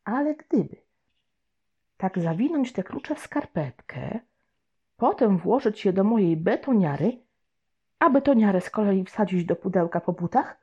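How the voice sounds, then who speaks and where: A woman reading a children's storybook aloud with gentle, expressive narration. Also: medium pitch, breathy edge. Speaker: audiobook narrator. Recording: dull lo-fi recording.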